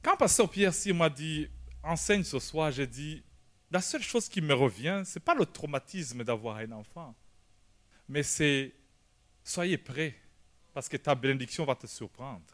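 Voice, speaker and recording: A male pastor, telling a personal story in a sermon, animated and shouting at the dramatic moments. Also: on the high side, measured pace. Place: church prayer meeting.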